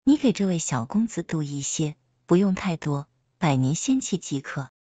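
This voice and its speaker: A woman reading a story aloud, voicing a gentle, courteous celestial maiden who speaks softly and formally. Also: sits low, very animated, normal speed, dry recording. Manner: soft-spoken, formal.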